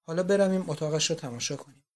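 A poised young society wife in an audiobook, voiced by the narrator. She speaks softly and confidingly, quieter than the narration around her. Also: deep voice. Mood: assured. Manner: soft, confiding. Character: young society wife, self-assured and affectionate. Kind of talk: audiobook reading.

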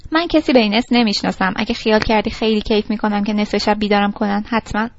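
A woman doing a curt, sharp-tongued young woman on the phone. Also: medium pitch, fairly even intonation, dry recording, close to an everyday voice. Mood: irritated. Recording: dull lo-fi recording.

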